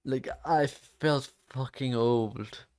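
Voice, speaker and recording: A man's voice: medium pitch, drawn-out words, a little mellow, clear, resonant tone. An eighteen-year-old man streaming live, chatting casually while he codes, rambling with lots of "like" fillers and frequent swearing.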